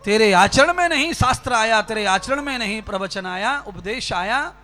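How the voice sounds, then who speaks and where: A man's voice: high voice, lively intonation, moderate pace, bright, forceful tone, soft background music. A man preaching a sermon, exhorting his listeners with rhythmic repeated phrases. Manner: exhorting, direct address to listeners, rhythmic repetition. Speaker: spiritual preacher.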